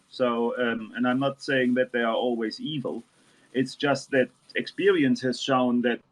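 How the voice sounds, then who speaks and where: A man from New Zealand talking in a casual panel discussion, halting and restarting with many fillers. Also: medium pitch, slightly rough.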